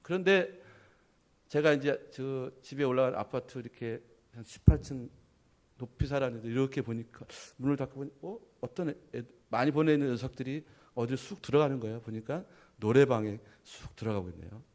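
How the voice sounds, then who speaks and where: A middle-aged man, a pastor, giving a conversational sermon. He tells stories, keeps adding "yes", and swings between loud emphasis and soft, trailing phrases. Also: medium pitch, fairly quick. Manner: conversational storytelling with frequent "예" affirmations.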